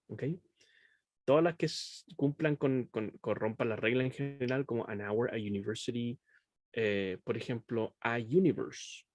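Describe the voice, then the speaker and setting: A male teacher leads an online class through a computer microphone. He explains patiently, often stops to check understanding, and moves easily between two languages. His voice sits in a middle range, and the recording is dry with no room echo. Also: medium pitch. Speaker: English teacher.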